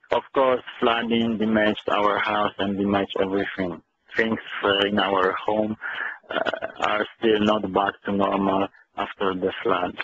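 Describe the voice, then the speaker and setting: A man from Poland with a Polish accent, reading a prepared personal statement in English in an earnest, measured and slightly halting way. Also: on the low side. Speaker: speaker telling his family's story. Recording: tinny lo-fi line with faint noise.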